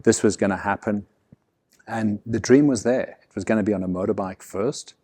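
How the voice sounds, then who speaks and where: A middle-aged man from South Africa with a low voice tells stories of his travels, reflective and unhurried, often restarting with repeated words. The sound is dry and close, with little room echo. He is seated in a workshop and picked up on a lapel mic. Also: mellow, husky. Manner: reflective, repeats words when starting sentences. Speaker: guest, vehicle consultant and expedition leader. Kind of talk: relaxed storytelling in an interview. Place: indoor workshop with a vehicle behind.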